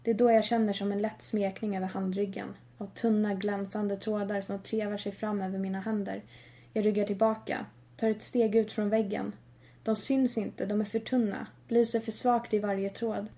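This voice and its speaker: A woman reading a first-person horror story aloud, tense and hushed in the quiet passages. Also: medium pitch, flat delivery. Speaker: narrator.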